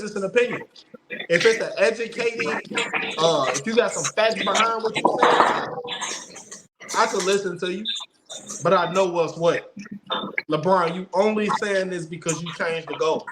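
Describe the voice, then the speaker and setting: A man with a high-pitched voice talks sports in a casual, opinionated way. He is emphatic and insistent, repeating phrases to drive them home. There is clear noise behind him. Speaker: host of a basketball debate show.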